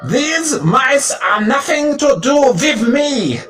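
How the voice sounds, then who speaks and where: A woman's voice: sits low, sing-song, drawn-out words, fairly bright tone, slight background noise, exaggerated voice. A woman voicing a cruel, imperious witch leader who barks orders in broken, foreign-sounding grammar. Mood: commanding.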